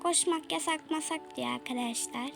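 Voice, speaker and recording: A woman's voice: high-pitched, moderate pace, gravelly, over music. A woman giving casual let's-play commentary, chatty and exclaiming as she talks to her viewers. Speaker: gaming YouTuber.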